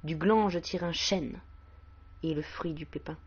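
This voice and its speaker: A woman's voice: low-pitched, measured pace, husky, muffled recording. A woman reciting the scornful ancient Earth. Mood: scornful, grand. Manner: solemn declamatory reading. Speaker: poetry reader. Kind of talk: poetry recitation.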